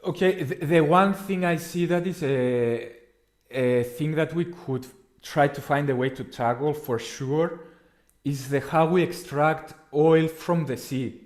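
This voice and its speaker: A man hosting a podcast in casual, rambling chat, crude and animated when joking. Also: on the high side, a little slow. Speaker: podcast host.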